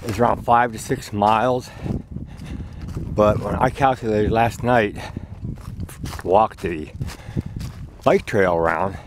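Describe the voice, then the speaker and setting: A man talking casually while walking a woodland trail, filming from behind a handheld camera, relaxed and chatty with fillers. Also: on the low side, slow pace, pauses often, noisy background. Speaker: hiker filming a trail walk. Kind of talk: casual vlog narration. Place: outdoors on a leafy woodland trail. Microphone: handheld camera, speaker behind it.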